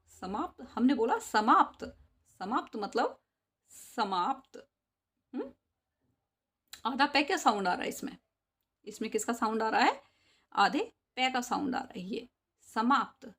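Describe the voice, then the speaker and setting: A woman teacher who sings a poem, then explains spelling slowly, repeating each word syllable by syllable. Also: on the high side, fairly bright tone, husky. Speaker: school teacher.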